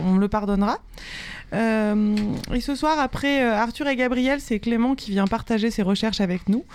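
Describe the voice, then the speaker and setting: A woman's voice: medium pitch, a little mellow, no room sound. A woman hosting a live radio show, breezy and self-mocking. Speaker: radio host.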